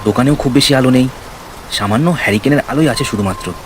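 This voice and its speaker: In this clip, a fast-talking man with a medium-pitched voice narrates a scripted horror tale as a storyteller. Rain effects and ambient sound run underneath him, adding background noise.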